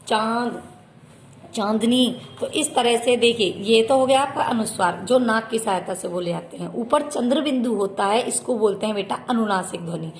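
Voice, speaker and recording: A woman's voice: fairly high pitch, slight background noise. A woman teaching a children's Hindi grammar lesson, patiently repeating terms and addressing her pupils fondly. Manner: patient, repeats terms and calls listeners "beta".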